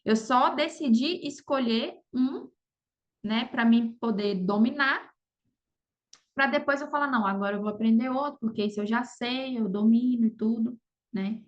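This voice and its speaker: A woman with a Brazilian Portuguese accent, an affiliate marketer appearing as a podcast guest, offers casual advice in a slightly high voice at normal speed. She stays informal, frequently using tag questions to check she's understood, on slightly lo-fi audio.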